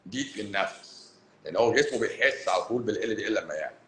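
A man with a Cairene Egyptian accent, a doctor hosting a live stream, talking casually to viewers. He is animated, scolding and joking with them. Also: lowish voice, very fast. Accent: Cairene Egyptian Arabic. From Egypt, Cairo. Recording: roomy echo, faint background noise.

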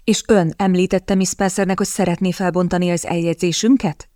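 A woman's voice: lowish voice, fairly even intonation, warm tone, dry recording, studio quality, natural voice. A woman reading the part of a proud young lady who speaks sharply and with cutting sarcasm. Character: young woman, proud, quick-witted, indignant.

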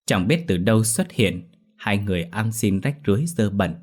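Husky low-voiced man narrating horror. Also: animated, moderate pace, a little mellow. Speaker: storyteller. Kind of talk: scripted horror story narration. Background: faint music.

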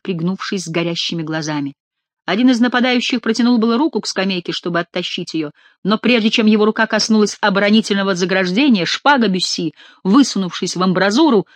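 A woman narrating a dramatic adventure novel as an audiobook reader, with expressive storytelling. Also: mid-range voice, no echo.

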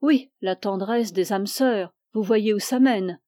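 Une femme qui prête sa voix à un mentor spirituel âgé et sévère, qui fait des reproches d'un ton dur. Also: female voice, medium pitch, unhurried, mellow, no room sound, studio quality, lightly acted. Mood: severe. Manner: stern, reproving. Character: stern older male spiritual mentor, severe.

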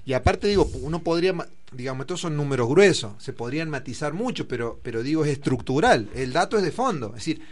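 A man's voice: on the high side, expressive, fast talker, few pauses. A man with an Argentine accent, explaining figures in a discussion program and thinking aloud with fillers. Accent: Argentine Spanish.

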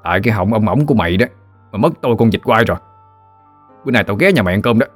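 A man voicing a boorish village man who bickers roughly in a Southern Vietnamese accent. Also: fairly low pitch, lively intonation, very fast, soft background music. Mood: quarrelsome.

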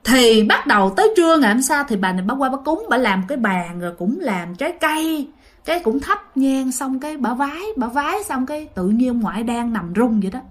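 A woman telling a ghost story in a casual, animated way, speaking directly to listeners. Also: sits high, fairly quick.

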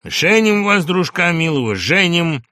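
An effusive older postmaster, put on by a male audiobook reader, full of hearty exclamations and coaxing. The voice sits a bit high, and the reading is dry and close to the mic. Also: very animated, a little slow, bright, forceful tone, no room sound, exaggerated voice. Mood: jolly.

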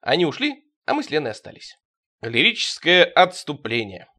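Man, audiobook narration, wry deadpan delivery, slightly high voice, very lively intonation. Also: normal speed. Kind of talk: audiobook reading of absurdist prose.

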